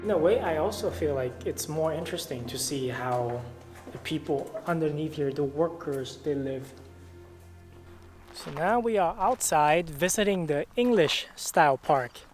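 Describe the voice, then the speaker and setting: A man's voice: on the high side, measured pace, soft background music. A young man narrating a casual travel vlog, explaining the sights as he goes in a chatty tour-guide way. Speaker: travel vlogger.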